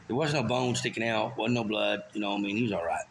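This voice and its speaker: A man co-hosting a comedy podcast, trading crude, deadpan wisecracks. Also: fairly low pitch, fast, background noise. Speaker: co-host. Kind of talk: casual comedic podcast banter.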